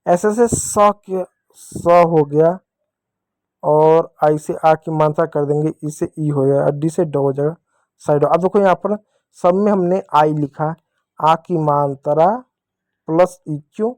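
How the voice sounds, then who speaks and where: A man's voice: on the high side, steady tone, slow, darkish tone, no echo. A man teaching children to read words, spelling each one patiently letter by letter and calling out to the kids. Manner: repeatedly addresses the children. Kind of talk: children's reading lesson.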